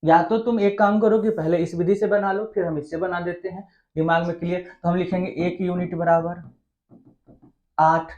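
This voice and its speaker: A man's voice: high-pitched, little pitch movement, moderate pace, darkish tone, lo-fi sound. A man teaching an exam-prep math lesson. He keeps asking the class questions and answering them himself in a chatty, coaxing way.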